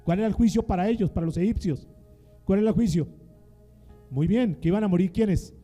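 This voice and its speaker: A man's voice: sits high, a little fast, dark tone, faint music behind. A male pastor preaching a sermon in a dramatic style, calling on the congregation to repeat his words back to him. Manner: dramatic call-and-response preaching.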